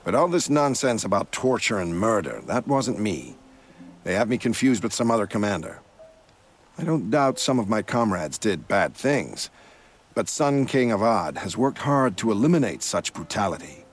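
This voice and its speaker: An actor playing a courteous, evasive male commander who smoothly denies wrongdoing. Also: fairly low pitch, big pitch swings, normal speed. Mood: smooth denial.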